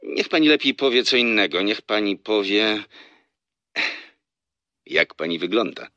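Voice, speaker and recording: A man's voice: fairly low pitch, lively intonation, unhurried, bright, forceful tone, no echo, muffled recording. An actor playing a flirtatious, teasing salesman in a radio drama who laughs often as he talks on the phone. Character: flirtatious smooth-talking male salesman on phone.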